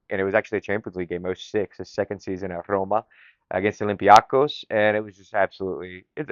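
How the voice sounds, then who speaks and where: A man's voice: on the low side, smooth, no echo, highs cut off. A man hosting a casual solo podcast, talking with enthusiasm and rambling with fillers and restarts. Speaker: podcast host.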